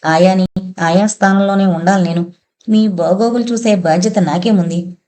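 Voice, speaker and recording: Soft-spoken older nanny for a storybook reading, slow and hushed, read by a woman. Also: medium pitch, lightly acted.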